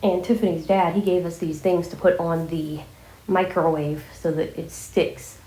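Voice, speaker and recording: Low-voiced woman chatting with a sore, scratchy throat. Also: fairly even intonation, normal speed, mellow. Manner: rambling, informal, trailing off. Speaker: vlogger addressing viewers. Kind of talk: casual chatty vlog. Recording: echoey room.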